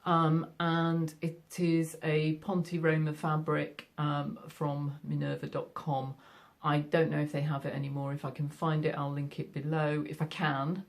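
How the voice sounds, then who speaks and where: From her sewing room at home, a middle-aged woman from Yorkshire, England, vlogs about her sewing in a friendly, casual, filler-heavy chat to camera. Her low voice has a completely flat delivery and an unhurried pace.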